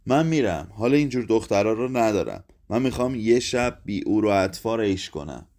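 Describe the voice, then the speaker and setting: A man's voice: fairly low pitch, expressive, a little mellow. A man reading aloud, voicing a blunt, teasing male friend at a drinking party. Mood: annoyed.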